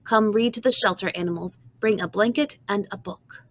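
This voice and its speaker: A woman narrating a children's storybook in the first person, with a gentle, expressive reading. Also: medium pitch, normal speed. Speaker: audiobook narrator.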